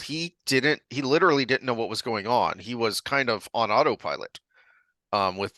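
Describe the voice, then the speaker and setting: A man co-hosting a podcast, talking casually and thoughtfully, pausing often with ums and restarts. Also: on the low side, pushed and bright, no room sound. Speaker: podcast co-host. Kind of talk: casual chat.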